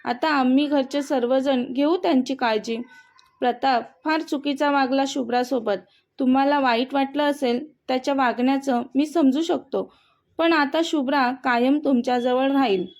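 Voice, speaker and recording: A woman's voice: sits high, moderate pace, darkish tone. A woman voicing a stern elderly grandfather who heads the household, speaking firmly in a storybook reading. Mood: measured. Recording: dull, muffled audio.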